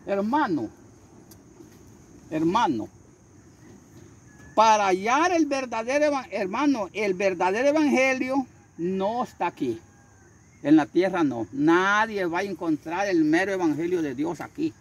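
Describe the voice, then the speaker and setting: An older man tells his story with fervor, repeating his phrases and acting out each voice. His voice is husky and high, and it leaps through a wide range. Crickets chirp faintly behind him outdoors. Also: lively intonation, measured pace, long pauses. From Honduras. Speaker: street preacher. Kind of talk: storytelling interview.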